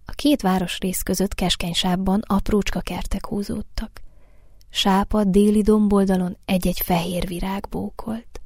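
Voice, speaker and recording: Lehelletes hangú női mesélő. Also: female voice, medium pitch, level tone, a little mellow, husky, no room sound, clean studio sound. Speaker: storyteller. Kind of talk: reading a children's tale aloud.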